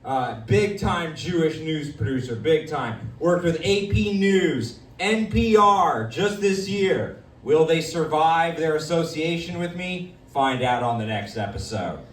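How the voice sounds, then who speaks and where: Brash, crude male comedy host with a high voice and a mock-pompous swagger, captured live, distant from the mic. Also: expressive, unhurried, few pauses. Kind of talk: live stand-up roast. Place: comedy stage in a dispensary. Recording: echoey room, mic at a distance.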